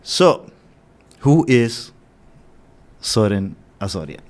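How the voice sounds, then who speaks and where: A man's voice: fairly low pitch, sing-song, extremely slow, darkish tone. A man hosting an interview, talking in an encouraging, affirming way to his guest. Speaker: interview host. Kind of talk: interview conversation.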